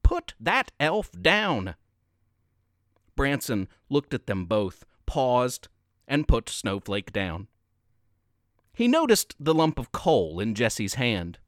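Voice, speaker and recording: A man reading a Christmas story aloud as narrator, in an expressive, sing-song way. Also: medium pitch, takes it slowly, no echo, studio quality.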